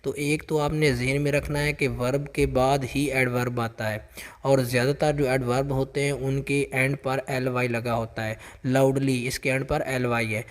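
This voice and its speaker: Working through an English grammar job test, a man explains every answer with heavy repetition and slowly reads out the English example sentences. His mid-range voice stays level, echoing in a large hall.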